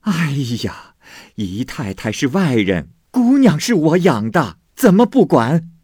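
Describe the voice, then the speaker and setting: An anxious, aging mother presses and frets, as a male storyteller acts her out. The husky, slow voice swings up and down widely, recorded dry and close. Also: deep voice, big pitch swings, dry recording, exaggerated voice. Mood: indignant.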